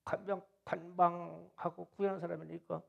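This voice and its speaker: A middle-aged man, a pastor, preaching a sermon in which he retells a vision with emotional storytelling that swells into loud, tearful passages. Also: sits high, level tone, moderate pace, creaky, lo-fi sound.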